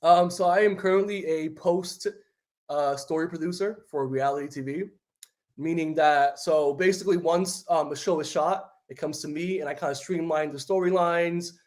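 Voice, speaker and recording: On a remote video call from a home room, a chatty young man from New York City, a native Spanish speaker, appears as a guest in a relaxed interview. He speaks at a normal pace in a slightly high voice, sprinkling in plenty of "like."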